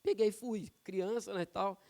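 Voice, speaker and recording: A man's voice: sits high, fairly even intonation, normal speed, warm tone. A male pastor from São Paulo preaching a sermon in a church, telling personal stories in a conversational way with frequent tag questions. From São Paulo, Brazil. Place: church sanctuary.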